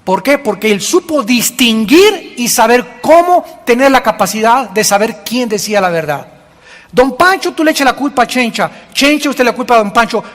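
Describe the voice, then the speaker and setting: A male pastor preaching a sermon in an animated way, acting out the church members he quotes. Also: very high-pitched, moderate pace, faint music behind. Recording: long hall reverb.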